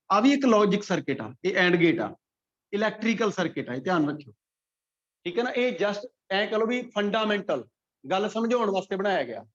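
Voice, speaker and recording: Brief: Punjabi male physics teacher, fairly high voice, drills students, lo-fi sound. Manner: quizzes students by name, repeats points. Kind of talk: classroom lecture. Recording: dull lo-fi classroom recording.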